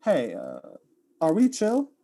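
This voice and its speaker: A man's voice: on the high side, huge pitch swings, takes it slowly, dark tone, exaggerated voice. An actor playing a laid-back young male video streamer in a student audio drama, talking in casual slang.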